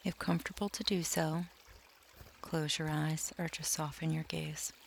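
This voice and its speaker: A man leading a scripted guided meditation, talking slowly and softly and drifting into near-whispers, with faint trickling water behind him. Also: fairly high pitch, little pitch movement, vocal fry, slight background noise. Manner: slow, soft and soothing, drifting into near-whispers.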